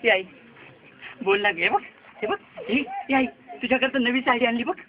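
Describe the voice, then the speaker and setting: A man's voice: very high voice, normal speed, crowd noise. A man, a devotional preacher, acting out a son wailing and pleading over his dead mother. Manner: wailing, pleading, often crying out. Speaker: kirtan preacher. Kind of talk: dramatized devotional storytelling. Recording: muffled, noisy recording.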